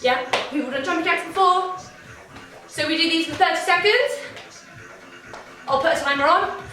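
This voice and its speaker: Young female dance teacher, high and bright, slightly out of breath, distant in a roomy space. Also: normal speed. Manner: encouraging, counts beats aloud. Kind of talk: online dance warm-up class. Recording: echoey room, distant from mic, faint music.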